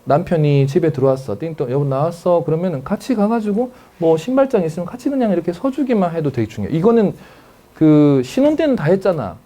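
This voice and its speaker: A man's voice: on the high side, big pitch swings, quick pace, mellow. A man giving a lecture to parents as a counselor, acting out family dialogues and often checking that the audience follows.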